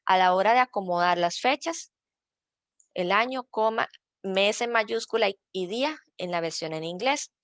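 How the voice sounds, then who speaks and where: Woman, librarian teaching a workshop, gravelly edge, dry close sound. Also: medium pitch, animated, moderate pace, a bit bright, no echo. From Costa Rica. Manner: patient, explains step by step with slides. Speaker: librarian teaching citation style. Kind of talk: online workshop lesson.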